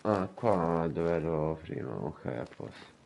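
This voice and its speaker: A man's voice: a bass voice, lively intonation, slow, creaky, darkish tone, a little hiss or hum. A man giving casual gameplay commentary, muttering to himself bluntly. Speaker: gamer.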